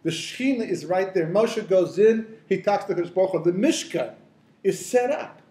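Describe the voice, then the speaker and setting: Rabbi giving a conversational Torah lecture. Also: male voice, high voice, lively intonation, normal speed, mellow, reverberant. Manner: conversational, storytelling, many fillers and asides. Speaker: rabbi teaching the weekly Torah portion.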